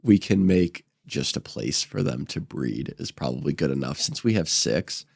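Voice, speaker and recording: A man's voice: rumbling low, lively intonation, moderate pace, creaky, darkish tone, dry recording, studio quality. A man giving casual gameplay commentary as host, his voice stuffy and nasal from a blocked-up nose with a cold. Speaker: gaming video host.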